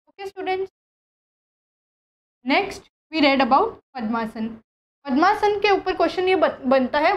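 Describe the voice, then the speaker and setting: Woman teacher, high voice, revision lesson, asks students questions, repeats key words. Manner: mixes Hindi and English, repeats terms, asks students questions. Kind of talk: recorded class lesson, revision.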